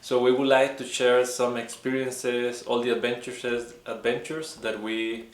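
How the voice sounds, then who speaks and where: A man from Mexico co-hosts a relaxed chat, telling stories in an easygoing way and laughing as he goes. His voice sits at an average pitch and echoes in a roomy space. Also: unhurried. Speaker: co-host. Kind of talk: casual chat.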